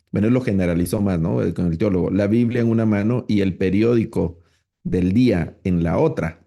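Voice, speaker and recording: A middle-aged man, giving a relaxed, conversational online lecture on preaching with frequent rhetorical tags. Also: fairly low pitch, vocal fry. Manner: relaxed, explanatory, with many fillers and rhetorical tags. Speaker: preaching course instructor.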